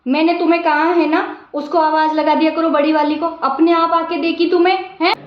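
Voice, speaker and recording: A woman's voice: extremely high pitch, flat delivery, fairly quick, roomy sound, muffled recording, slight background noise. A woman playing a sneering, domineering mother-in-law. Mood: scolding. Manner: scolding, sneering taunts. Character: taunting domineering middle-aged mother-in-law.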